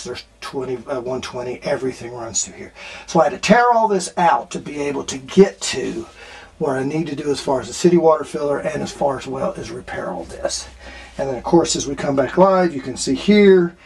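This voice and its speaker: Filmed in a cramped RV bathroom, a man who vlogs about RV renovation gives a casual DIY repair tour, rambling with frequent fillers and false starts. His voice is on the high side, gravelly, husky and darkish.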